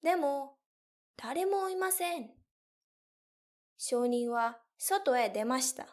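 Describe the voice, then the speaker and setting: A young woman teacher telling a story slowly and carefully for learners, with clear, deliberate phrasing. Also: high-pitched, animated, a little mellow. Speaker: language teacher.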